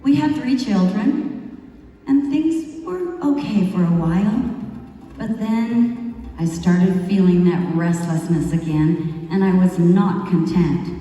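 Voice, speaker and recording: Woman playing Gomer, slow and echoing. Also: mid-range voice, mellow, lightly acted. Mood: regretful. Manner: slow, reflective storytelling with dramatic pauses. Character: wayward young biblical wife turned remorseful. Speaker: monologue performer. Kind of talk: theatrical first-person monologue. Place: large hall at a retreat. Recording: echoey hall from far off, faint music.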